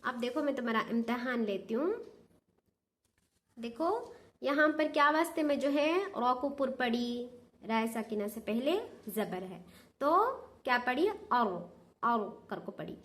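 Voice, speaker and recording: A woman with a high voice and a Dakhni Urdu accent teaches the rules of Quran recitation. She explains patiently, asking questions and then answering them herself. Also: lively intonation, unhurried, pauses often, fairly bright tone. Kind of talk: tajweed lesson.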